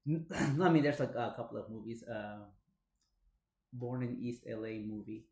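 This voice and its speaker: A man's voice: medium pitch, moderate pace, a little mellow. A man with a Chicano East LA accent chatting casually on a livestream, mixing Mexican Spanish slang into his English. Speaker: co-host of a cooking livestream. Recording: echoey room.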